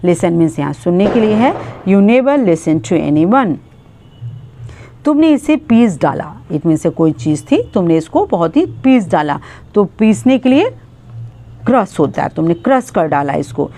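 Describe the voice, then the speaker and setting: A woman teaching spoken English, explaining example sentences and repeating each one slowly and carefully. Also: lowish voice, big pitch swings, warm tone. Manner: slow, deliberate repetition of example sentences. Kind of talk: bilingual spoken English lesson.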